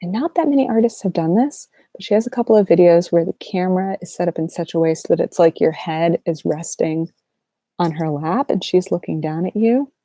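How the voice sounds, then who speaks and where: A sleep-deprived woman chatting softly and casually as an ASMR livestream host, in a halting, low-energy, rambling way. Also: dry recording. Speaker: ASMR artist hosting a livestream Q&A.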